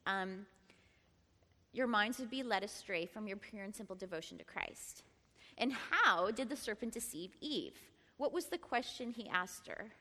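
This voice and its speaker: A middle-aged woman leading a church Bible study, lively and often laughing as she prompts the group. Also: a little high. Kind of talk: Bible teaching talk. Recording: long reverb in a large room.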